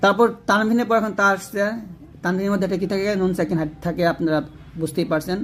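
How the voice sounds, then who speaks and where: A man teaching Quran recitation rules in an online lesson, asking and answering his own questions and drawing out example syllables slowly. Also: high-pitched, a bit bright, a little hiss or hum.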